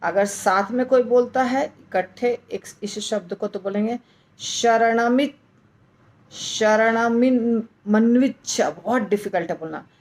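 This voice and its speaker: A woman teaching the pronunciation of a scripture verse, breaking words apart and repeating them carefully, then chanting the verse slowly. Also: mid-range voice, rough recording. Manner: chants verses in a slow drawn-out way. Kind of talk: pronunciation lesson.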